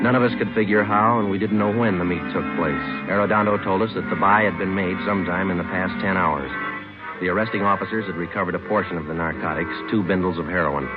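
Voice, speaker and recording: An American actor with a low male voice plays a stoic, businesslike police detective sergeant who narrates, acted lightly in the clipped, terse, matter-of-fact style of old radio drama. It sounds like a tinny old radio broadcast with music playing behind him.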